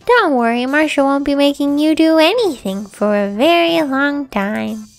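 A woman's voice: high-pitched, animated, moderate pace, soft background music. A woman voicing a sassy, scheming cool-kid bully girl, bossy and sardonic, in a game read-through.

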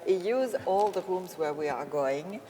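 Slow, halting French woman guide. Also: fairly low pitch, lively intonation, warm tone, slight background noise. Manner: halting, searching for words. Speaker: museum guide. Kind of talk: guided tour explanation. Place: palace hall with crowds.

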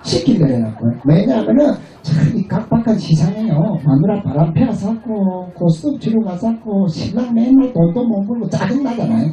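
Brief: husky man, bawdy outdoor stage comic, high lively voice, heard from afar over a roomy PA. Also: a little fast, hardly any pauses. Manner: crude, swearing, mimics voices, laughs between jokes. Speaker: pumba street performer. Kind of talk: bawdy stage comedy banter with the crowd. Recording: roomy PA sound from far off, crowd. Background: crowd and music.

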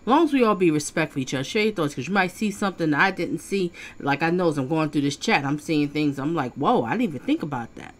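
A woman's voice: low-pitched, quick pace, hardly any pauses. A woman hosting a livestream with casual, conversational commentary, reading chat comments aloud. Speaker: livestream host.

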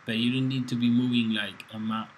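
A man's voice: medium pitch, little pitch movement, a little fast, a little hiss or hum, rough recording. A man from Spain, a fitness coach giving a casual, joking workout voice-over with plenty of swearing. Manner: laid-back, swearing, joking banter. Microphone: voice-over, close mic.

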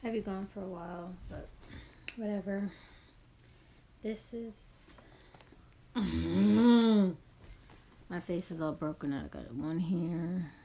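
A woman's voice: lowish voice, takes it slowly, creaky, long pauses, warm tone, slight background noise, rough recording. A woman vlogger in casual, gushing unboxing chat, full of "like" fillers. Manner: chatty, gushing, lots of "like" fillers.

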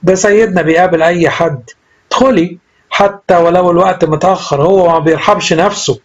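A man's voice: high voice, steady tone, brisk, muffled recording. A man with an Egyptian Arabic accent voicing an irritable male church doorkeeper who grumbles and talks sarcastically. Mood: grumbling.

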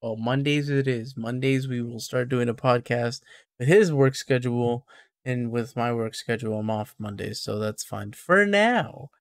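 A man hosting a podcast, agreeing with his co-host and briskly listing links and plans in casual chat. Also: mid-range voice, dry recording, clean studio sound.

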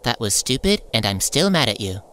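A man's voice: medium pitch, big pitch swings, a little fast, bright, forceful tone. A man voicing a young male pop star hero in a cartoon, dry and easily exasperated. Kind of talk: cartoon voice acting.

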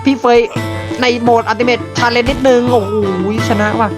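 A man giving excited live gameplay commentary, often exclaiming and repeating words in rapid bursts. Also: extremely high pitch. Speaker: game streamer. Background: loud music.

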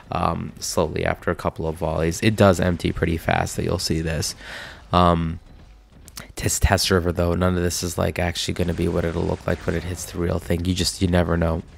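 Low, creaky, and edged with breathiness, this man's cold-clogged, nasal voice runs through loose, filler-laden commentary over a mobile game he's hosting a video for.

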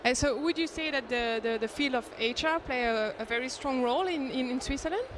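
A woman's voice: high voice, a little fast, noisy background. A woman interviewing a guest at a conference, asking friendly questions with many halts, into a handheld mic. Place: conference booth indoors.

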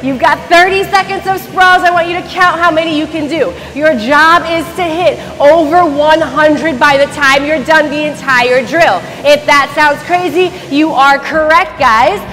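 A woman in her thirties coaching a high-energy workout class, barking urgent, motivating commands like a gym coach. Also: a little slow, hardly any pauses, a bit bright. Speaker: fitness instructor. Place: large empty dance studio, indoors. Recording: echoey studio hall, distant mic, faint music.

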